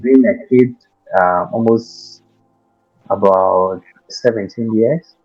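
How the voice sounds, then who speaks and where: A young man from Ghana speaks with a Ghanaian accent in a very low, husky voice. He talks haltingly as an interview guest, full of fillers and restarts. The audio is dull and lo-fi. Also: darkish tone, soft background music. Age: 20s. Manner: hesitant, many fillers and restarts. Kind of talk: casual interview.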